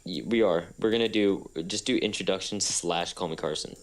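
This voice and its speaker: A young man co-hosts a casual podcast, telling a story with a somewhat low voice. He rambles, restarts his sentences often and keeps circling back to what he meant to say. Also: a little fast. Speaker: podcast co-host. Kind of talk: casual chat.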